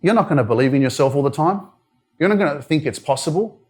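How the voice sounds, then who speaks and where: Fast and animated, with a slightly high voice, this Australian man gives a motivational talk at a live indoor event. His style is casual and blunt, with crowd interaction and the odd curse.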